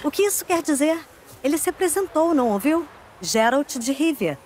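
An actress playing a sly, breezy, daring circus performer in a dubbed video game. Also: female voice, sits high, animated, moderate pace, darkish tone, slight background noise. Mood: teasing.

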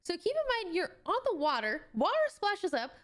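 A woman casually recounting a wild story, animated and profane, laughing as she tells it. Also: very high voice, normal speed. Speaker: streamer telling a travel story.

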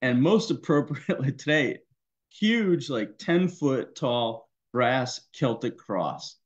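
A male pastor giving a personal testimony in a worship service, in a conversational, halting way with many fillers. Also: mid-range voice, lively intonation, highs cut off.

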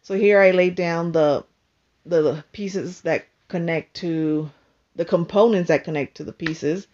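A woman with a slightly low voice talks through her home footage at an unhurried, deliberate pace, pausing often as she explains each step. The sound is a bit dull and lo-fi. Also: a little mellow, slight background noise. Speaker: vlogger. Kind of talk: casual voice-over narration.

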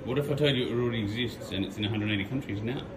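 A man's voice: lowish voice, rapid-fire. A young man with an Australian accent asking a robot curious, upbeat questions in a museum hall. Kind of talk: casual questions. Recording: echoey museum hall with crowd noise.

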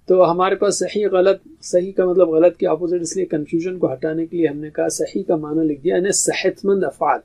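A man's voice: high voice, fairly even intonation, few pauses, dark tone. A man giving a grammar lesson as a teacher, explaining patiently and asking his own questions before answering them. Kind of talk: classroom lecture.

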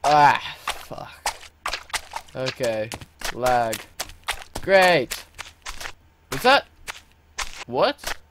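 A man talks through his gameplay in an unhurried drawl, but his pitch jumps all over the place as he chatters to himself and to the game. He pokes fun at himself as he goes. A steady hiss of background noise and clicking sits under his voice. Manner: excitable, talks to himself and the game, self-mocking. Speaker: gaming video host. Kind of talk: let's play commentary.

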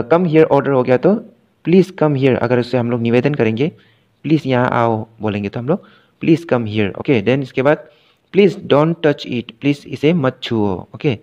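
A male teacher walks a class through a grammar lesson in a patient, repetitive way, checking in with the students again and again. He reads each English example slowly and then translates it. His voice sits at a middle pitch, and the recording is dull and lo-fi. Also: darkish tone.

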